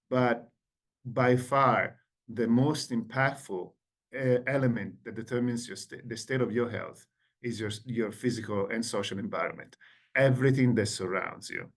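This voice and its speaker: Over a video call, an Italian man in his forties delivers an online guest lecture in a medium-pitched voice and Italian accent, drawing the audience in with questions.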